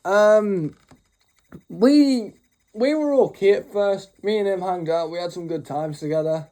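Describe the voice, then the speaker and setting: A man's voice: sits high, measured pace, dark tone. A young man telling a rambling, sweary storytime rant, sleepy after just waking up. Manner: rambling, swears freely, mocking. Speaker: channel host.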